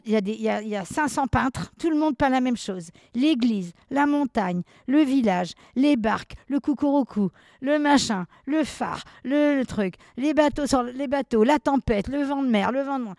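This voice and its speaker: A woman's voice: a little high, a little mellow, dry recording, studio quality. An older woman, a painter, telling her own story with emphasis, tumbling restarts and repeated words. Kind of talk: animated personal storytelling.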